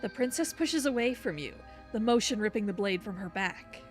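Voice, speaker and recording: A woman reading as a stern, insistent narrator of a dark storybook video game. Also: medium pitch, lively intonation, moderate pace, faint music behind, close to an everyday voice. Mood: stern, dramatic. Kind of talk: dramatic video game narration read aloud.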